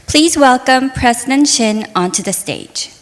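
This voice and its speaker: A woman's voice: sits high, animated, unhurried, background noise. A woman professor moderating a symposium session, introducing the speakers and reading names and titles carefully. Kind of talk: formal event introduction. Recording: long reverb of a hall.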